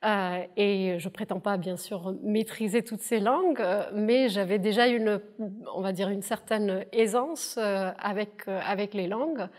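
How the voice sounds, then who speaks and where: Woman in her 30s from south india, talks slow and thoughtful, lots of pauses. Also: mid-range voice, a little mellow. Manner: thoughtful, hesitant with many pauses and fillers. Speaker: interpreter and alumna. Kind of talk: testimonial interview.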